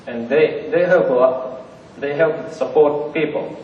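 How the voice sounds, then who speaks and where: Speaking to an audience in a big theater, this conference presenter has a fairly high voice and a measured pace. He jokes in simple, non-native wording peppered with fillers. The distant audience recording is dull and roomy, with a little hiss or hum.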